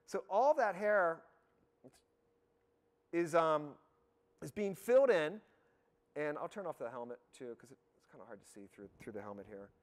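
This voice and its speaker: A man with a somewhat raised pitch walks through a live software demo. He sounds slightly hoarse, as if losing his voice. His delivery is relaxed and upbeat, full of fillers and restarts. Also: normal speed, pauses often. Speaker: product expert giving a software demo.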